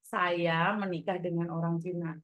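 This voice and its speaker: Calm woman host giving firm advice. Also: fairly low pitch, moderate pace, dry recording, lo-fi sound. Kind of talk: advice call-in chat.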